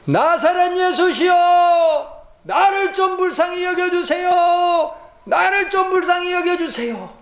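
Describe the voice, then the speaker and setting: A man voicing a desperate blind male beggar, pleading and shouting for help. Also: huge pitch swings, normal speed. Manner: pleading, shouting at a high pitch. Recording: echoey church hall.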